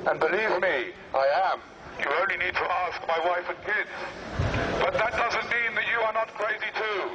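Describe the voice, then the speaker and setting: Man making deadpan megaphone announcements. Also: high voice, moderate pace. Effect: speaking through a megaphone. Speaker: street prankster making mock announcements. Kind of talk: mock public announcements. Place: busy outdoor public square. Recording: muffled megaphone with street noise.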